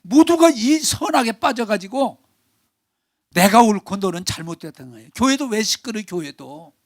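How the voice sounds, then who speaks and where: A male pastor preaching a Sunday sermon in Korean, animated, acting out quarrelling family members. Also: sits high, moderate pace, dry recording, studio quality. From South Korea. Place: church sanctuary.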